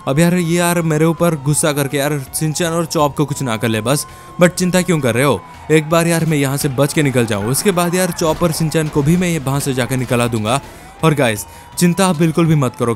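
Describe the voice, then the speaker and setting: Frantic young man commentating gameplay. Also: on the high side. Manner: frantic, repeats words in quick bursts; speaks as the game character in first person. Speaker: gaming YouTuber. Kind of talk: excited Let's Play commentary.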